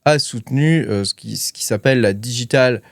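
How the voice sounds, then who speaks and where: A man's voice: mid-range voice, moderate pace, vocal fry, no room sound, clean studio sound. A man hosting a crypto channel, talking casually with lots of fillers and hesitations while reading his notes. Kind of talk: casual commentary to camera.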